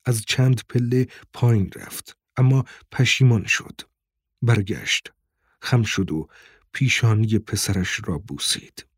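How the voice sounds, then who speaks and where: A man with a husky voice reads a novel as an audiobook narrator, in steady, measured scripted narration. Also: fairly low pitch, no room sound, studio quality. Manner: steady, measured, descriptive reading.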